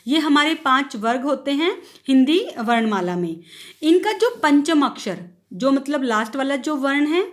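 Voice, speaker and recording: A woman teacher giving a slow grammar lesson to young children, drawing out example words for them to repeat. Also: high-pitched. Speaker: primary school teacher.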